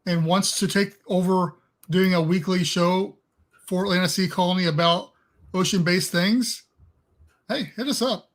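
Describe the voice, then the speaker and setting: A man's voice: sits high, a bit bright. A man co-hosting a live stream, chatting casually with informal, folksy phrasing.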